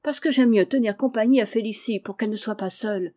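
A kind, earnest young girl in a storybook reading, speaking gently with a raised, soft voice, as a woman narrator puts her on. Her tone stays mellow and patient as she pleads. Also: on the high side, fast talker, close to an everyday voice. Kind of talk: audiobook character reading.

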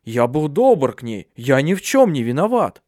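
A man's voice: medium pitch, very animated, normal speed, a little mellow, no room sound, clean studio sound, natural voice. A man voicing a handsome, cowardly young soldier who insists he is blameless in an audiobook. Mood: defensive. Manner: defensive, self-excusing.

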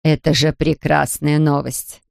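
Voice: medium pitch, level tone, gravelly, dry recording, studio quality. A narrator playing a blunt old village shopkeeper. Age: older. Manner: blunt, drawn-out speech.

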